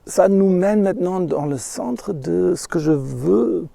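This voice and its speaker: A middle-aged man from Germany speaking with a German accent, delivering a rambling monologue haltingly as he searches for words and adds small tag questions. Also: sits high, vocal fry, warm tone, no room sound.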